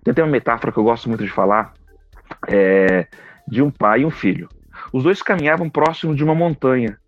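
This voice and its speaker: Speaking a little fast in an animated, medium-pitched voice, a Brazilian man who is a psychologist and podcast host gives a folksy, earnest pep talk sprinkled with "né." There's no echo; the sound is dull and dry, with faint music underneath.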